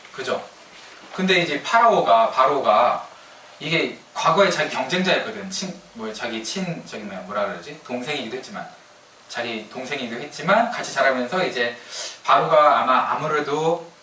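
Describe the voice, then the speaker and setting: A man's voice: on the high side, pushed and bright, slight background noise. A male pastor giving a casual, conversational sermon, often asking the congregation questions and laughing at his own jokes. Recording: echoey hall, mic at a distance.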